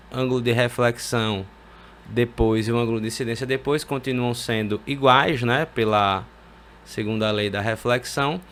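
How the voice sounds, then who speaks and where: A man's voice: medium pitch, a bit bright. Brazilian male physics teacher, chatty. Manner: conversational, checks in often with rhetorical questions and tag words. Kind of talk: casual explanatory lesson at a whiteboard.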